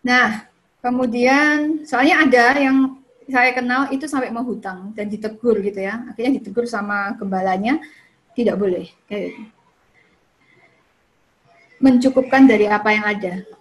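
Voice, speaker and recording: A woman's voice: a little high, normal speed, pauses often, a bit bright. A woman speaking at a church fellowship in a chatty advice talk, often asking questions and answering them herself. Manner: chatty, often ends points with "kayak gitu" and "gitu ya"; asks the listeners questions and then answers them. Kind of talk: casual advice talk on dating and marriage.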